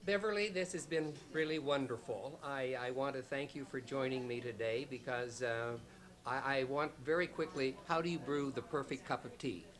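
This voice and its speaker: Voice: medium pitch, normal speed. The host of a local history show, asking polite questions that sometimes stall and restart, then closing the episode. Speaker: interview host.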